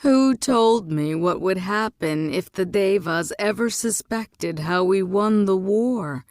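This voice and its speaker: A woman's voice: medium pitch, lively intonation, slow, darkish tone, dry recording, studio quality. A woman reading the part of a blunt young prince and worried elder brother, speaking urgently and insistently. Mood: pleading.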